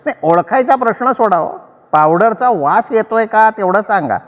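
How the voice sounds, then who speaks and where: Man doing a flustered, hushed henpecked clerk. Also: high voice, animated, normal speed, pitched above the performer's own voice. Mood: anxious, pleading. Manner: hushed, anxious, pleading. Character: flustered middle-aged henpecked office clerk. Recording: long reverb.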